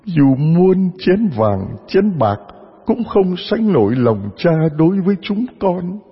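A weeping, repentant wife put on by a man narrator, in a high, solemn, pleading voice. It is slow and husky, with a dull lo-fi tone. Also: very animated, long reverb tail, faint music behind, exaggerated voice.

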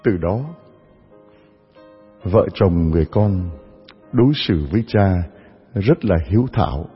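A man tells a moral folk tale slowly and earnestly. His voice is fairly high and husky. The lo-fi recording carries a long reverb with faint music underneath. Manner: slow, earnest storytelling. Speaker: storyteller.

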